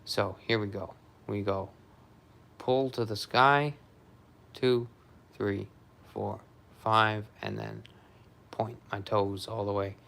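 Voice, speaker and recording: A man casually talking through an exercise demonstration and counting out repetitions in a low-key, often murmured way. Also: steady tone, takes it slowly, gravelly, fairly bright tone. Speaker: vlogger recovering from surgery, demonstrating exercises.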